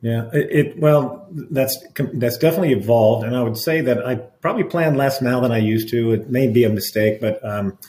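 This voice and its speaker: A middle-aged man, an interventional cardiologist talking through stories in an interview, animated, with restarts and laughs. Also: medium pitch, moderate pace, few pauses, roomy sound. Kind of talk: conversational interview storytelling.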